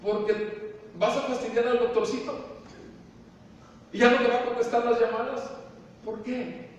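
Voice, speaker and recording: A man with a Mexican Spanish accent preaching a sermon as pastor, asking rhetorical questions and dropping at times to a soft, slow voice. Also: extremely high pitch, steady tone, muffled recording. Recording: echoey hall from far off, faint room noise.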